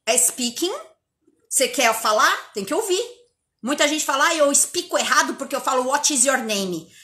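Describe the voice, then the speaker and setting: Lively, bright-voiced Brazilian woman teacher. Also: on the high side. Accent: inland São Paulo Brazilian Portuguese. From inland São Paulo state, Brazil. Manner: lively, emphatic, chatty, swears casually. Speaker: English teacher. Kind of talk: informal online lesson. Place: empty bedroom at home.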